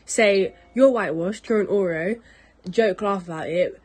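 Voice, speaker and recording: A woman's voice: mid-range voice, measured pace, darkish tone, husky. A young woman, talking candidly in a casual interview. She rants a little and swears freely.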